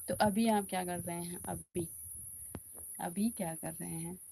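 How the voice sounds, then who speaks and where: A woman hosts a relaxed live stream from a quiet back room, chatting with viewers and answering their comments. Her voice is low-pitched, warm and mellow, and she speaks slowly and unhurriedly. Crickets chirp faintly in the background. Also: creaky, husky. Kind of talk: casual live-stream chat.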